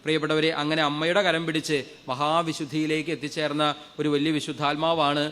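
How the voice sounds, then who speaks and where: Fast-preaching priest in a reverberant hall. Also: male voice, fairly high pitch, flat delivery, smooth. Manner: fervent, leads congregation in loud hallelujahs. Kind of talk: sermon storytelling.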